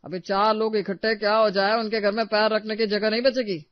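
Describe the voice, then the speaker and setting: A woman's voice: mid-range voice, flat delivery, fairly quick, no room sound, natural voice. A woman voicing a grumpy, proud and stingy old father-in-law who scolds and dismisses everyone, in a storybook tale. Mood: scolding. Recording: dry, slightly dull recording.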